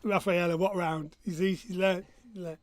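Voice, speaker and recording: High-voiced man quizmaster with a missing front tooth. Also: steady tone, normal speed, no echo. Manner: jokey, self-mocking. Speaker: quiz host. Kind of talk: casual quiz hosting, reading questions and answers.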